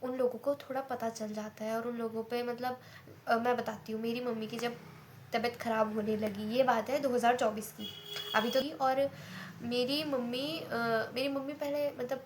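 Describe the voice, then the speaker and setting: A woman's voice: a little high, a little hiss or hum. A young woman telling a personal story in a casual, chatty way, full of fillers and repeats. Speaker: vlogger.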